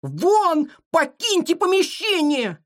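Reader doing a squeaky mad little mole in glasses, yells slow and high, storybook voice. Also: wildly swooping pitch, exaggerated voice. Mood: angry. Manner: shrill, slow, shouting. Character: small kind mole in glasses, furious digger. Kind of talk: children's audiobook character voice.

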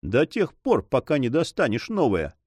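Man voicing resolute buccaneer leader, composed, wry, animated pitch, dry recording. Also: moderate pace, dry recording.

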